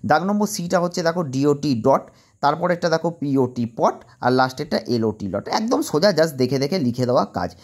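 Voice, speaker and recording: Husky man patiently teaching young kids. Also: fairly high pitch, animated, moderate pace, a little mellow. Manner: patient, spells words letter by letter and translates them. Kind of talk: explaining an exam paper to young children.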